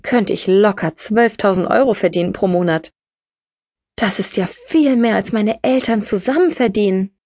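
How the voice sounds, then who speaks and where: A woman's voice: medium pitch, moderate pace, darkish tone, no room sound, studio quality, lightly acted. A woman voicing a curious young woman who is short on money and asks many questions. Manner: inquisitive, surprised questions.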